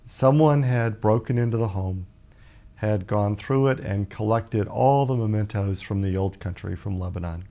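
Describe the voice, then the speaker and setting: A man in his fifties from Alabama, a guest author telling a personal story in a measured, reflective way with many pauses. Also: lowish voice, warm tone, muffled recording. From Birmingham, Alabama, USA. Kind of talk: personal storytelling in a talk show interview.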